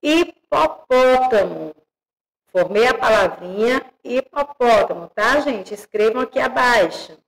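A Brazilian woman teaching young children, spelling out syllables slowly and checking in with the class. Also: fairly high pitch, rough recording. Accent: Brazilian Portuguese. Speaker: primary school teacher.

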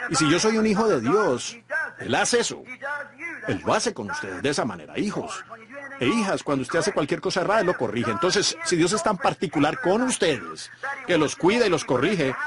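Man, dubbed sermon voice-over, lively rising and falling delivery, congregation noise behind. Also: on the high side. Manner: emphatic preaching cadence with repeated asides. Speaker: Spanish voice-over reader of a sermon.

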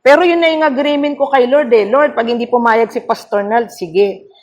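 Speaking at normal speed in a slightly high voice, a middle-aged woman pastor tells a heartfelt personal story as part of a devotional sermon at a prayer meeting. She blends English phrases into her talk and keeps checking with her audience through frequent "no?" tags.

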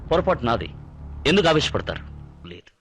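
An actor playing an easygoing young village hero who jokes lightly in a dubbed film scene. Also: male voice, a little high, big pitch swings, a little fast, fairly bright tone, slight background noise. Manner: light, joking.

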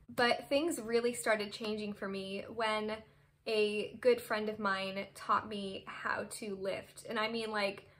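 A woman in her twenties chatting to the camera in a casual vlog from her bedroom, expressive and gesturing as she talks. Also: medium pitch. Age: 20s. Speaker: vlogger. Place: bedroom, seated on a bed indoors.

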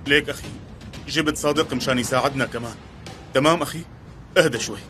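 A man's voice: mid-range voice, fast, bright, forceful tone, lightly acted. A dubbing actor playing an anxious man, coaxing and pleading with a troubled relative. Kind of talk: dubbed TV drama acting. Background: music.

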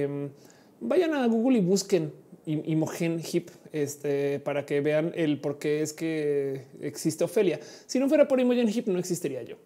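With a warm, fairly low-pitched voice, a woman in her forties runs a casual live chat. She reads viewers' messages aloud in a playful, chatty manner, using lots of fillers.

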